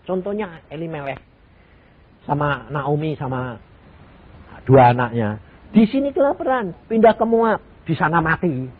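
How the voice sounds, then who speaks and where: Husky older preacher with speech. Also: male voice, a little high, a little slow, pauses often. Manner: animated preaching with rhetorical questions and sudden loud bursts. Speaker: evangelist preacher. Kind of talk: sermon. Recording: tinny lo-fi phone-like audio.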